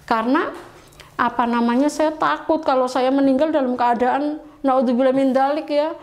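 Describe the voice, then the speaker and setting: A woman's voice: high-pitched, steady tone, normal speed. A middle-aged woman tells her personal conversion story with feeling, calling herself Umi and acting out her pleading prayers. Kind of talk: emotional personal testimony.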